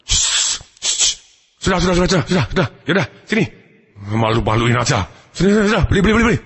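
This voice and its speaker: A man playing a tired father hushing his crying child and giving in, in a lower, husky voice. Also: fast talker, no room sound. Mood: placating. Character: weary, exasperated father of a small child.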